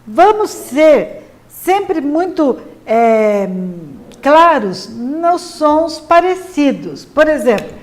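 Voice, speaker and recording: High-voiced Brazilian woman teaching parents. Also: big pitch swings. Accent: Brazilian Portuguese. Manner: patient, explanatory, models words slowly and clearly. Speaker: literacy teacher advising parents. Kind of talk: instructional talk to parents.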